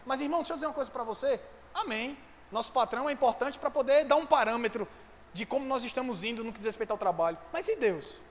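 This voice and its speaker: Fervent high-voiced preacher man, echoey hall. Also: fast. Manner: fervent, rising to shouts. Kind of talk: sermon. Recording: echoey hall with faint noise.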